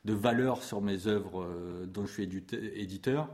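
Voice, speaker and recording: Man, forties, low voice, music publisher in an interview, hesitant, lots of fillers, passionate. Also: a little slow, darkish tone. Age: 40s. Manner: hesitant, many fillers and restarts; passionate about his trade. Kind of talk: interview conversation.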